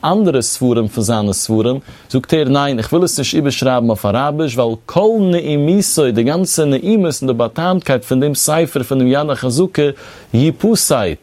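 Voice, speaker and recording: A man's voice: mid-range voice, animated, moderate pace, darkish tone, no room sound. Man chanting through a religious lecture. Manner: singsong chanting when reading quoted passages; explanatory storytelling between quotations. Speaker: rabbinic lecturer.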